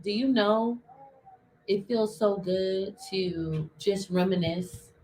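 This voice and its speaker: A woman co-hosting a casual chat, animated and playful, telling stories with a lot of expression. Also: mid-range voice, takes it slowly, a little hiss or hum. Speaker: podcast co-host.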